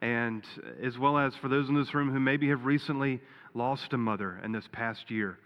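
A man's voice: mid-range voice, fairly even intonation, normal speed. A pastor giving a sermon in his church, earnest and folksy, telling a joke story before turning to Scripture. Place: church sanctuary. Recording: dull, reverberant church recording.

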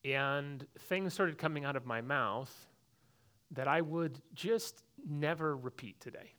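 A man preaching a sermon, telling a personal story in an animated way and acting out shouted exchanges. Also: a little high, takes it slowly.

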